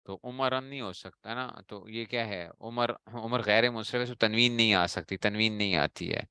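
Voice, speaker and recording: A man's voice: on the low side, normal speed, sharp tone, clean tone, dry recording, clean studio sound. A man teaching Arabic grammar to a class, drilling his students with repeated questions and answers in a Pakistani Urdu accent. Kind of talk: classroom lecture.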